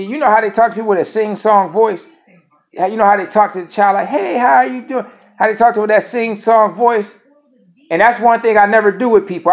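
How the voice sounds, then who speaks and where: A man in his thirties speaking a casual monologue to camera, rambling and profane, often repeating his phrases. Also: sits high. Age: 30s. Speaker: vlogger.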